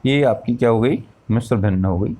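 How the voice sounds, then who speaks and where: A man's voice: medium pitch, fairly quick, mellow. A man teaching a math lesson, explaining step by step, asking questions and answering them himself, and counting out parts aloud.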